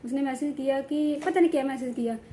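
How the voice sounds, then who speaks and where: Woman home vlogger, high warm voice, chatty and rambling, casual talk to camera. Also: quick pace, a little hiss or hum. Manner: chatty and rambling, ending points with "theek hai". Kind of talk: casual vlog chat to viewers.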